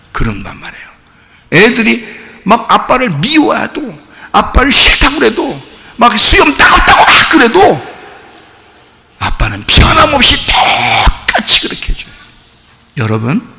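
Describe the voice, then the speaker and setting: A male pastor preaching a sermon in a church, animated and acting out the voices he quotes. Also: very high-pitched, creaky. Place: church sanctuary. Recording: reverberant church hall with faint noise.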